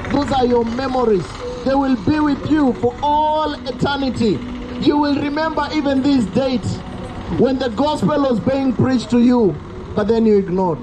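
A man, preaching an urgent open-air sermon by a busy road through a handheld mic and speaker. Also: very high voice. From Kenya. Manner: loud, urgent preaching with drawn-out warnings. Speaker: street preacher. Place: roadside outdoors by a busy street. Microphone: handheld mic through a portable speaker, camera at a distance. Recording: street traffic noise, open air.

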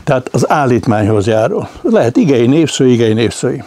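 A man's voice: medium pitch, very animated, warm tone, a little hiss or hum. A man giving a lecture on speech intonation, demonstrating example questions aloud.

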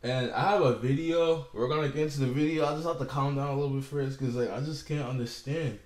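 A man's voice: mid-range voice, steady tone, fast talker, darkish tone, reverberant. A young man vlogging an angry, profane rant to the camera, repeating himself as he goes.

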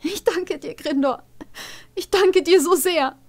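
A woman doing a stubborn young princess mare, high and loud. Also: moderate pace, lightly acted. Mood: overjoyed. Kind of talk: storybook reading.

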